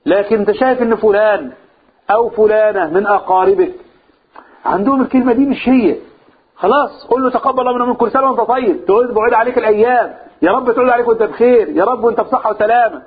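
A man's voice: high voice, racing. A man with an Egyptian accent explains a religious text to a class. He often stops to ask his listeners questions and repeats key phrases. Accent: Egyptian Arabic. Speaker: religious teacher. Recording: tinny phone-like, husky sound.

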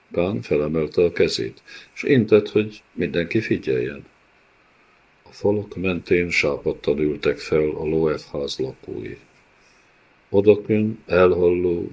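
Deep-voiced male audiobook narrator. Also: darkish tone, husky, lo-fi sound. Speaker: audiobook reader.

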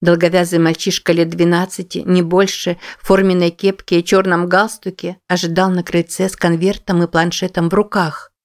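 A woman narrating a first-person story in a measured, somber reading. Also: fairly low pitch, level tone. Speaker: audiobook narrator.

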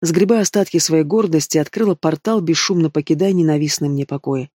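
A man reading a fantasy romance audiobook in first person, in an even, expressive way. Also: a little high, brisk, dry recording, studio quality. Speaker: audiobook reader. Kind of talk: first-person novel narration.

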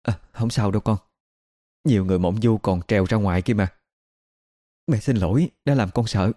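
A man's voice: fairly low pitch, normal speed, dark tone, lightly acted. A male storyteller voicing a young mother who talks in a hesitant, raised voice. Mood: soothing. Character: young mother, anxious and flustered, at times eerily childlike.

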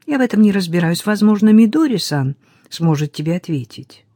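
A narrator voicing a mother who answers quickly and brushes off her daughter's question, for an audiobook. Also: mid-range voice, expressive, mellow, no room sound, studio quality, natural voice. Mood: dismissive. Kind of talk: audiobook character voice.

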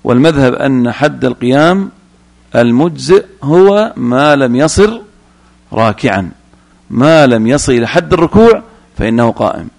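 A man's voice: mid-range voice, vocal fry. A man teaching Islamic jurisprudence, reading a line from a text and then explaining it, often putting questions to his students.

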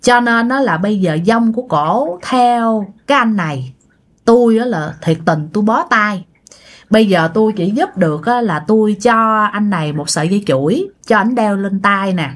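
Woman voicing a solemn elderly shaman in a spoken ghost story, slow, grave. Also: mid-range voice, expressive, natural voice. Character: older village shaman, grave and weary.

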